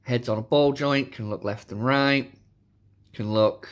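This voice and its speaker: A man hosting a casual, chatty toy review, his voice hoarse from a sore throat. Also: medium pitch, fairly even intonation, unhurried. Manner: informal, chatty. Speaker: host of a toy review channel.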